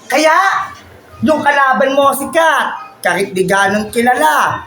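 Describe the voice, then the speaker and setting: A battle rapper delivering taunting verses and shouting out the punchlines. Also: sits high, lively intonation, measured pace, echoey room, soft background music. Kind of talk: battle rap performance.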